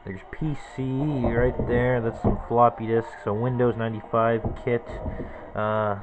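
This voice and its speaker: A man's voice: mid-range voice, little pitch movement, a little slow, muffled recording, loud music behind the voice. A man in his twenties giving a casual, rambling tour of his small cluttered bedroom, naming objects one after another into a handheld camera. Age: 20s. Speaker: vlogger. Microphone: handheld camera close to the face.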